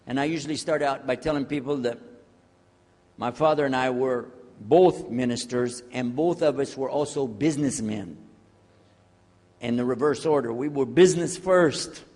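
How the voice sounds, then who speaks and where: With a darkish, mid-range voice, a man delivers a jokey, chatty talk on Islamic outreach before a live crowd, checking in with listeners as he goes. He speaks at a measured pace with long pauses, and the recording has long hall reverb.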